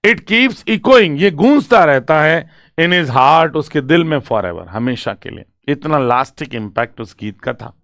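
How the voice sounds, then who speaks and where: Male literature tutor, clear, crisp voice, dry close sound, slow and deliberate, quizzing students as he writes on the board. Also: fairly high pitch, animated, a bit bright, dry recording. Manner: reads English lines slowly and emphatically, then explains in Hindi; asks students check questions, writes on a board. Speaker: English literature teacher. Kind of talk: exam-prep poetry lecture mixing Hindi and English.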